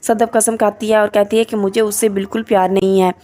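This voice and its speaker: A woman recapping a drama episode scene by scene, retelling it at an even, steady pace and reading the characters' lines aloud. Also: mid-range voice. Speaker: drama reviewer.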